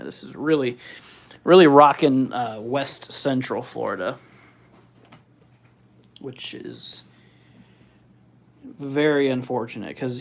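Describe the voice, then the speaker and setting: A male livestream host talks through weather updates in an informal, off-the-cuff way. His mid-pitched voice has a noticeable gravelly fry, and he often stalls and thinks out loud as he looks up figures for viewers. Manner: informal, halting, thinking aloud while looking things up. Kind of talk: casual live weather commentary, reading out figures and answering viewers.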